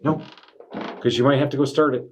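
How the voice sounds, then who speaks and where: A man telling his own workplace stories as a podcast host, animated and full of fillers. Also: mid-range voice, a little fast, a little hiss or hum. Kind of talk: casual storytelling chat.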